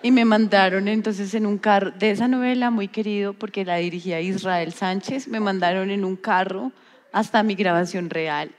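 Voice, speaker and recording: A woman, an actress, telling stories in an interview, animated, laughing often and acting out voices. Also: medium pitch, normal speed, long reverb tail.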